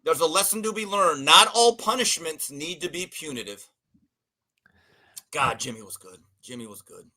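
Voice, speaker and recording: Man, sports podcast host, animated storyteller, bright tone, high lively voice. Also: moderate pace, low-quality recording.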